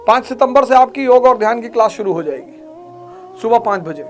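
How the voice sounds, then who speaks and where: High-voiced, preachy male lecturer. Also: lively intonation, fairly quick, soft background music. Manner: emphatic and preachy, swinging between loud exhortation and near-murmur. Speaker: motivational teacher. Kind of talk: motivational lecture.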